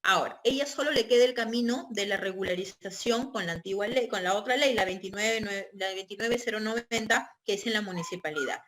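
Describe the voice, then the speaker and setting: A woman's voice: medium pitch, fairly quick, hardly any pauses, a bit bright, slight background noise. A woman giving an online real estate training lecture, explaining step by step and checking in with her listeners. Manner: explanatory, checks in with tag questions.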